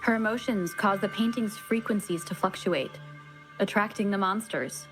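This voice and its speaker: A woman playing a calm, thoughtful young adventurer in an anime game, explaining things in a measured way. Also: medium pitch, faint music behind, lightly acted, low-quality recording. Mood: puzzled.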